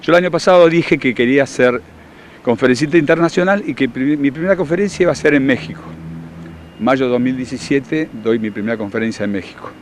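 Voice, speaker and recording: Un hombre con acento argentino que da talleres y explica con tono seguro, didáctico y enfático. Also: male voice, medium pitch, fast talker, a little hiss or hum. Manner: confident, instructive, emphatic. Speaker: workshop leader and therapist. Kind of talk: explanatory interview answers.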